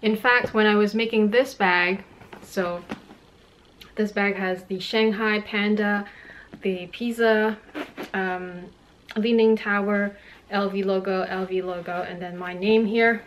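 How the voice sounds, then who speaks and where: In her home bedroom, a thirty-something fashion YouTuber from Montreal, Canada, whose first language is Cantonese, talks slowly through a Q&A vlog, laughing often and using her hands to explain. Her mid-range voice stays fairly even, and the poor audio carries a little hiss or hum.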